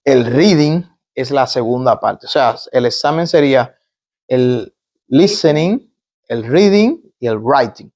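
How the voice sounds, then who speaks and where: This man, a Cuban doctor who migrated, speaks with a Cuban Spanish accent in an interview, walking through explanations step by step with examples and frequently restarting sentences. His mid-range voice is expressive and a little mellow, and he talks slowly.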